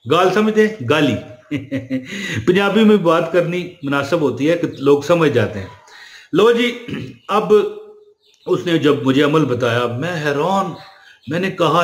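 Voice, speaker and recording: Religious speaker, male, slightly high voice, chatty, roomy echo. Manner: chatty, addresses listeners with "ji" fillers. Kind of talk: casual spiritual talk to camera.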